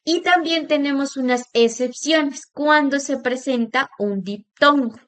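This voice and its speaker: Slow, deliberate woman teacher. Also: sits high, fairly bright tone. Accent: Latin American Spanish. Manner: slow, drawn-out stressing of example words. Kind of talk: recorded classroom lesson.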